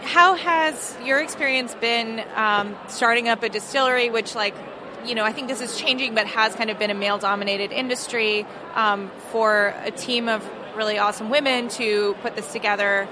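A woman's voice: a little high, normal speed. Woman interviewer at a noisy market. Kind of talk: casual interview questions. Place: busy food market.

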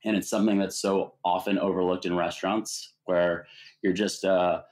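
A man, a restaurant partner, talking in an interview in an earnest, measured way. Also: sits low, little pitch movement, a little mellow. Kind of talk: casual interview talk.

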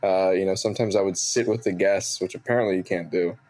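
20s guy on a video call, low-ish voice, rambly self-deprecating story with lots of ums. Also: fast talker. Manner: animated, self-mocking, lots of fillers. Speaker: guest. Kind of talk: casual interview storytelling.

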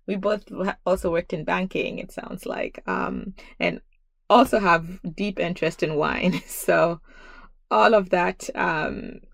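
Woman host from Ghana, gravelly fry, dry close sound, hesitant with many ums. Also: on the low side, lively intonation, takes it slowly, dry recording. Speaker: podcast host. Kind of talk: casual podcast interview.

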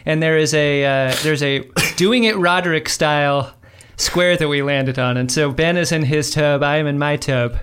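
A man hosts a podcast in a relaxed, conversational style. His voice sits a little high for a man. He talks into a microphone on a boom. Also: moderate pace, smooth. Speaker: podcast host. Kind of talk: casual podcast chat. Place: bathtub in a home bathroom.

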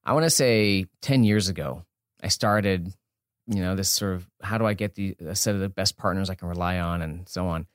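In an indoor studio, a podcast guest in his forties who writes business books talks with a low, smooth voice at a moderate pace. His style is casual and self-deprecating, and his explanations wander a bit. The audio is studio quality with no echo.

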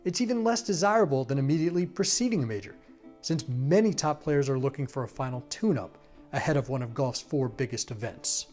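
A man reporting a news feature in a measured, scripted narration. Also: medium pitch, expressive, darkish tone, soft background music.

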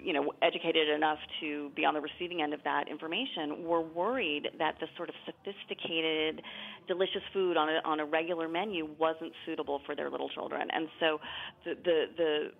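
A woman author talks through her subject in a relaxed, chatty interview, full of little fillers. Her voice sits low and gravelly. It comes through a thin, phone-like line. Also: brisk. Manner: chatty, explanatory, frequent fillers. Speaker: author guest. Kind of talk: conversational interview.

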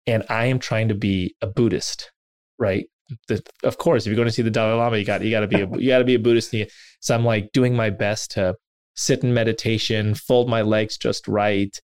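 Low-voiced man telling a story earnestly. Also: brisk, clean tone, dry recording. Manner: earnest, self-deprecating, animated retelling with quoted asides. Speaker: interviewer and podcast host. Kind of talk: reflective personal storytelling.

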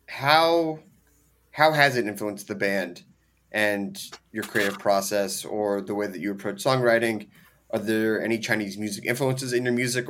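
A man's voice: fairly low pitch, fairly bright tone. A man hosting a casual interview, upbeat and eager, asking long winding questions. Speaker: interview host.

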